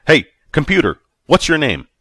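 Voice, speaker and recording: A man voicing a desperate male spaceship captain who shouts demands at his crew. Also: on the low side, lively intonation, brisk, dry recording, studio quality. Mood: urgent, shouting.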